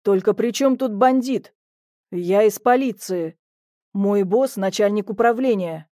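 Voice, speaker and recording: A woman voicing an angry, gruff male prisoner, a policeman, who shouts rough insults, in an audiobook reading. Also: medium pitch, measured pace, no room sound, clean studio sound, natural voice. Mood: calm.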